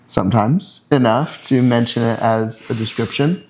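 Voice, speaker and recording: Gravelly-voiced man co-hosting a family podcast. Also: mid-range voice, normal speed, a little mellow, slight background noise, low-quality recording. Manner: easygoing, joking. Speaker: podcast co-host. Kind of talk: casual family chat.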